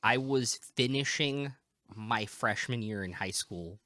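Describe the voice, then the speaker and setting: A man's voice: medium pitch, takes it slowly, sharp tone, dry recording. A man in his thirties hosting a casual whiskey tasting, chatty and enthusiastic as he describes the flavors. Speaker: whiskey review host.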